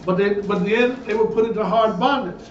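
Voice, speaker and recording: Reading passages aloud during his sermon, a preacher keeps interjecting forceful asides. He is a high-pitched, fast talker. The sound is distant, echoey and dull lo-fi, with slight background noise.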